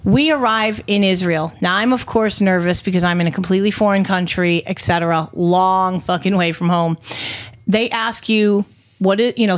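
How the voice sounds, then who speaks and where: A woman with a Southern US accent and a mid-pitched voice co-hosts a podcast. She tells stories in a casual, folksy way, leaning hard on her words and swearing freely. The sound is close and dry. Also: no room sound. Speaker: podcast co-host. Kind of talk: casual conversational storytelling.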